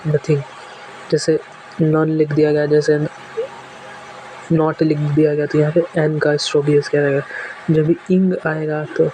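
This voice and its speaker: Male shorthand teacher, steady monotone, patient repetition, light background noise. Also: fairly high pitch, poor audio. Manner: repeats examples patiently, step by step. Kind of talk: classroom lesson explaining strokes.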